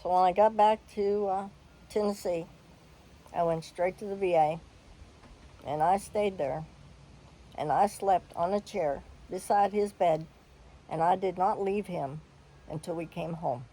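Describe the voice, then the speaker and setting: A woman's voice: lowish voice, unhurried, long pauses, warm tone, poor audio. An older woman telling a personal story in a candid, blunt way, with the odd cough and sigh.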